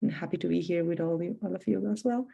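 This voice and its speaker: A woman's voice: fairly low pitch, fast, vocal fry, mellow, husky, highs cut off. A woman from Peru, introducing herself cheerfully on a video call. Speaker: works for the guest. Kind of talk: casual self-introduction.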